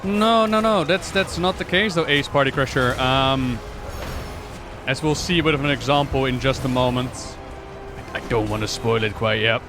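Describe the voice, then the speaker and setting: Game music and sound effects play behind this man as he livestreams, rambling through casual, playful commentary and lore musings. He speaks at a normal speed in a mid-range voice.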